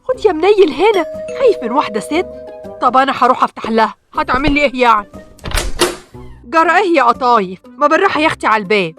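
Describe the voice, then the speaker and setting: A sharp-tongued, middle-aged mother from a comic radio serial, who bosses her son around and snipes at the neighbours in an Egyptian accent. Her voice is high and swoops widely, and she fires her words off very fast. She is bossy and mocking. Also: sing-song, over music. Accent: Egyptian Arabic. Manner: bossy, mocking, rapid-fire. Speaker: radio drama actress.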